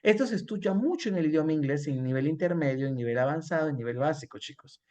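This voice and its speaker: A man teaching an English class in Spanish and English, repeating example sentences slowly for his students. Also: a little high, lively intonation, warm tone.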